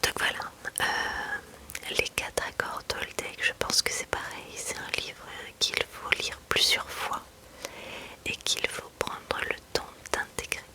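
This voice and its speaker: In a soft library whisper, a woman hosts an ASMR session, chatting about books and reading passages aloud. Her pace is unhurried, blending chatty talk with reading.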